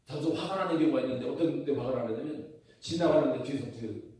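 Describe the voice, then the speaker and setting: A man's voice: mid-range voice, brisk. Echoey call-and-response pastor, man. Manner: call-and-response preaching, asking the congregation questions; builds to loud emphatic declarations. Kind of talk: sermon. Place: church sanctuary. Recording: very echoey church hall, mic far off.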